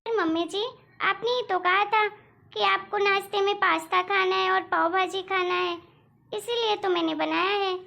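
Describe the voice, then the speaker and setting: A woman's voice: extremely high pitch, steady tone, moderate pace, gravelly, bright, forceful tone, heavily acted. A woman voicing a meek, dutiful young daughter-in-law in a cartoon story, polite and pleading. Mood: apologetic. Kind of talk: animated cartoon voice acting.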